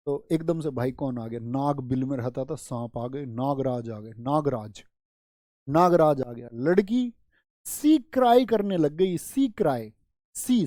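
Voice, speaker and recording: In an online exam-prep class, a male coaching teacher tells playful, animated mnemonic stories and keeps questioning his students directly as he goes. His voice is slightly high yet mellow and dark. The recording is close and dry, with almost no room sound and no echo.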